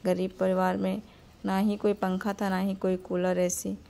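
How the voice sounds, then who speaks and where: A woman's voice: medium pitch, completely flat delivery, a little slow, gravelly, warm tone. Woman narrating a homely cartoon story.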